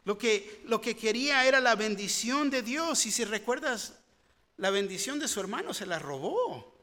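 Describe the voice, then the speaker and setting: A man's voice: high voice, very animated, moderate pace, pushed and bright. A man preaching a sermon, earnest and rising into fervent pleading. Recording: long hall reverb.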